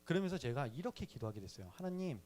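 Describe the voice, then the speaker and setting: A man's voice: fairly high pitch, sing-song, quick pace, a little mellow. A young man telling his personal faith story in a sermon to a youth service, chatty and playful with the audience. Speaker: youth ministry speaker.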